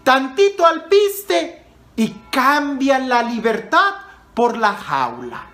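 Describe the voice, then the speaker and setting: A man voicing a cruel, cocky boy who carries caged birds, in a raised, drawn-out storyteller voice. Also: very high voice, very animated, fairly bright tone, faint music behind, pitched above the performer's own voice, heavily acted. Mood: boastful.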